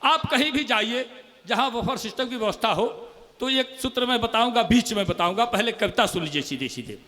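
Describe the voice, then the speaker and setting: A man with a Bhojpuri accent performing as a comic poet on stage, joking with the crowd and reciting his verses slowly. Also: very high-pitched, expressive, pushed and bright, in a large hall. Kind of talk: humorous stage poetry recital.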